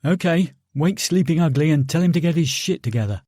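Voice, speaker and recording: A man's voice: on the high side, animated, a little fast, dark tone, no room sound. A man voicing a blunt, weary British soldier in an audiobook, talking in a curt, dry way.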